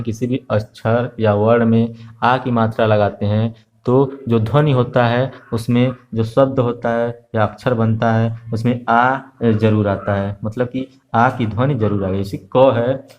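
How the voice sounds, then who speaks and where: A man teaching an online Hindi lesson to young children, slow and patient, repeating each letter and sound with many filler sounds. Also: fairly low pitch, darkish tone.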